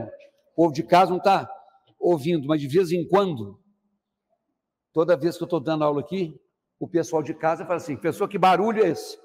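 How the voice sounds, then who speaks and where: A man's voice: on the high side, long reverb tail. A man teaching a grammar lesson for exam prep, explaining step by step and speaking straight to the student. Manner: explanatory, addresses student directly. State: worried about going hoarse. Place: classroom studio with noise from the next room.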